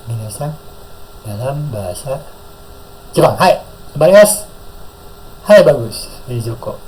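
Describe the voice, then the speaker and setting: Encouraging Indonesian man teaching slowly. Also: on the high side, mellow, slight background noise, poor audio. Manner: encouraging, praises often, slow clear drilling of words. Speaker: Japanese language teacher. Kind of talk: classroom lesson with call-and-repeat drills.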